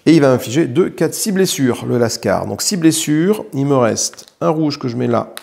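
A man's voice: medium pitch, animated, normal speed, creaky, a little mellow. A man with a French accent playing a solo board game, thinking aloud as he counts dice and swears lightly at bad rolls. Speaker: board game player narrating his solo play.

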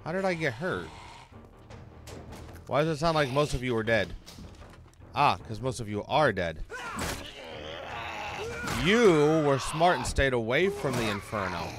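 A man's voice: mid-range voice, very animated, a little slow, pauses often, noisy background. A man hosting a gaming channel, giving chatty let's-play commentary, talking to himself and the enemies and swearing when he gets hurt.

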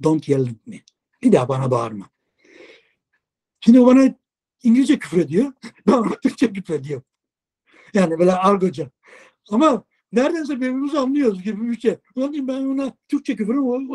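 A man, a long-haul truck driver, telling a lively casual story in an interview, acting out dialogue and swearing casually. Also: very high-pitched, quick pace. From Turkey.

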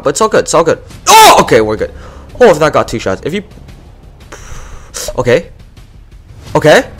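A young man giving live gameplay commentary, excitable and swearing often, swinging from muttering to yelling. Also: medium pitch. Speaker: gaming YouTuber.

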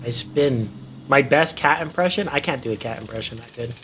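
A young man casually commenting while he plays a video game, chatty and quick to react and laugh. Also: mid-range voice. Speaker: gaming YouTuber. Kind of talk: casual let's play commentary. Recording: game music behind the voice. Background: game music.

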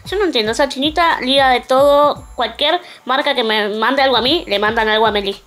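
A young adult vlogger with an Argentine, Rioplatense accent chats casually to the camera from a small room at home. Her voice sits high and is fairly bright, and she speaks a little fast.

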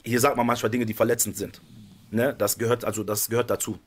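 A man's voice: mid-range voice, flat delivery, fast talker. A man chatting casually in a group discussion, with a teasing, amused manner. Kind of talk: casual panel chat.

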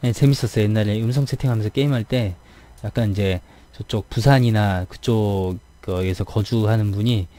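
A man's voice: lowish voice, fairly quick, dark tone. A man from the Gyeonggi region of South Korea, chatting casually with his live viewers as a game streamer, throat a bit tired, playfully mimicking how other people talk.

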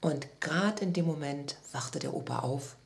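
Woman storyteller, expressive children's read-aloud. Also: sits low, measured pace, gravelly. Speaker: storyteller reading her own story.

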